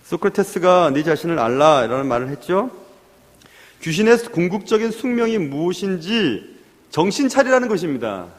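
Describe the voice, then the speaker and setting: A male pastor preaching a sermon in an animated way, acting out the voices he quotes. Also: high voice, moderate pace. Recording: long hall reverb.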